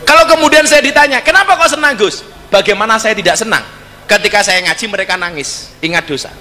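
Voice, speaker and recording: Bright-toned Javanese preacher in an echoing hall. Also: male voice, high voice, fast talker. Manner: joking, lively storytelling, slips into Javanese. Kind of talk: sermon with humorous storytelling. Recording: hall reverb.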